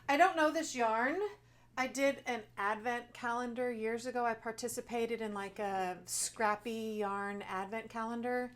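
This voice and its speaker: A woman's voice: on the high side, fairly even intonation, measured pace, a bit bright. Chatty woman co-hosting a podcast. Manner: chatty, laughs easily. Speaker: podcast co-host. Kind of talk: casual chat. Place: lives in Texas.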